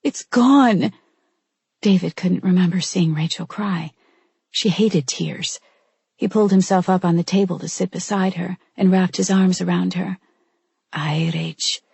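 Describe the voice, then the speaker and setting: A woman narrates in a low, gravelly voice with a deeply husky, breathy edge. Her tone is dark and mellow, and she is recorded close and dry with no room sound. The reading stays measured and even throughout. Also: dry recording. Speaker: audiobook narrator. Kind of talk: scripted narration.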